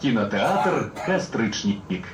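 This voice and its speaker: A man reading formal passenger notices, played over a bus PA loudspeaker. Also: mid-range voice, very animated. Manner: formal, deliberate announcing. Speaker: bus service announcer. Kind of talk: prerecorded transit announcement. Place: inside a moving city bus. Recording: echoey, distant, noisy bus interior.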